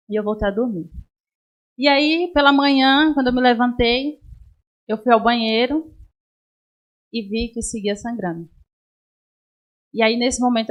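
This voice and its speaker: Emotional woman preacher, higher voice. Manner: emotional, halting, with many restarts. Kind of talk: personal testimony in a sermon.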